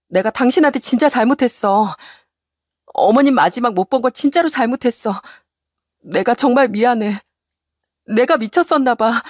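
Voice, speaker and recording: A desperate young wife pleads in a high, shrill, swooping voice, as a woman reader acts her out. Her lines keep climbing above the reader's own tone and push louder. The sound is dry and close, with no room around it. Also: no echo. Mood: pleading. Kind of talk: story radio reading.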